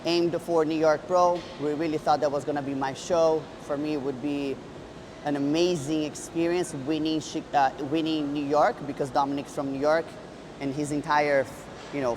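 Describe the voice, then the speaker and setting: A woman's voice: deep voice, noisy background. A woman in her thirties, a bodybuilder and coach, telling her story in an earnest, reflective way with many restarts. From Brazil. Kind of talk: personal storytelling vlog.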